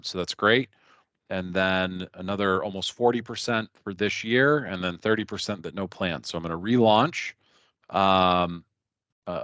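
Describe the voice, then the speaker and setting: A man's voice: deep voice, a bit bright, smooth, no room sound, highs cut off. A man hosting a product webinar in a casual, hesitant way, with many fillers and "right?" tags. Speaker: webinar host.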